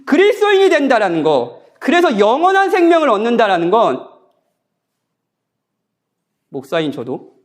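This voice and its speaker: A man's voice: extremely high pitch, huge pitch swings, normal speed, pauses often. A man, a guest pastor, preaching a sermon at a church Bible conference in a conversational way, often asking the congregation questions. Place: church sanctuary.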